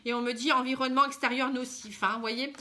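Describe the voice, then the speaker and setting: A woman giving a casual tarot reading to camera, halting, with many fillers and a frequent "hein". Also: sits high, fairly even intonation, bright, forceful tone. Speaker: tarot card reader.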